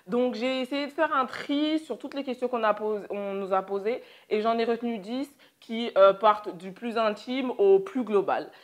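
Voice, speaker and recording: A young woman from France co-hosting a casual question-and-answer chat with her father, leading the questions in a lively way. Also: on the high side, moderate pace, hardly any pauses. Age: young adult. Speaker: co-host.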